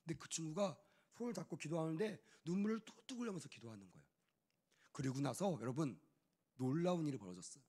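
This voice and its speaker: A young man preaches as a youth pastor and tells a story from his own life with lively, acted-out quotes. His voice sits a little high and has a husky, breathy edge. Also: quick pace. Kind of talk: sermon testimony.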